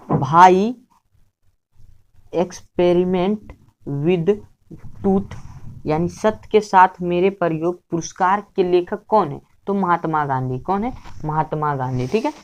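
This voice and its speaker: A woman teaching an exam revision lesson. She asks each question, gives the answer, repeats it, then closes with a quick check before the next one, and corrects her own slips as she goes. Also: lowish voice, darkish tone.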